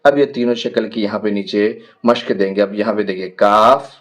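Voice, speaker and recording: A man teaching a Quran reading lesson, stretching out each letter name, then explaining quickly in between. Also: fairly low pitch, fairly even intonation, a little mellow. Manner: drawn-out letter names called slowly, then quick explanations. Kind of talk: teaching a Noorani Qaida lesson.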